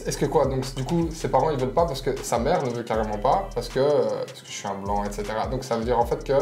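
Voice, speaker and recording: In a casual group discussion, a man in his mid twenties who works as a manager speaks assertively as a panelist, repeating points for emphasis. His medium-pitched voice is fast, a little mellow, and reverberant.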